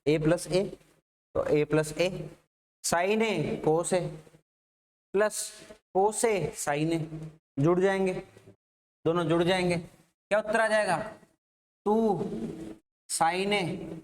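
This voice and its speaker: Man, maths teacher, Rajasthani Hindi accent, classroom lecture, high voice, asks and answers his own questions. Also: extremely slow, pauses often.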